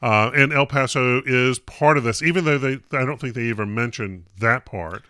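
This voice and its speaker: A man's voice: mid-range voice, moderate pace, sharp tone, clean tone, no room sound. A man co-hosting a podcast in casual chat, delivering jokes with dry, wry humor. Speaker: podcast co-host.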